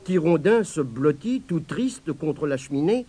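A man reading a children's story aloud in a gently expressive way. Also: on the high side, a little slow, over music.

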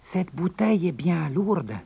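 A man's voice: sits high, lively intonation, a little slow, creaky, warm tone, husky, voice pushed up, heavily acted. A man voicing a poor, frightened fisherman who stammers and begs for mercy. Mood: wondering. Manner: stammering, begging.

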